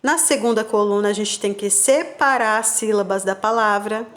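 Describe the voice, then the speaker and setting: A woman teacher, giving patient, slow remote-class instructions to young children and spelling out syllables. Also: medium pitch. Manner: checks in with "tá bom?" and "combinado?". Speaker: primary school teacher.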